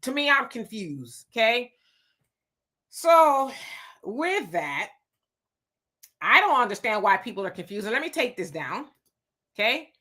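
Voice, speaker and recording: A woman's voice: on the high side, sing-song, a little slow, long pauses, fairly bright tone. A woman hosting a casual political commentary show, chatty and sassy, thinking aloud with lots of asides.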